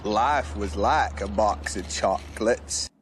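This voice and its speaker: An actor playing a gentle, simple-hearted man in a film clip, speaking slowly and earnestly. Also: lowish voice, a little hiss or hum.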